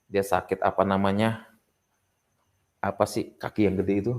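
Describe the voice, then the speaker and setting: Low-voiced man telling a lively testimony. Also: moderate pace. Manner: animated storytelling, acts out quoted prayers loudly. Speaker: guest, former cleric turned preacher. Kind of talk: testimony in a casual interview.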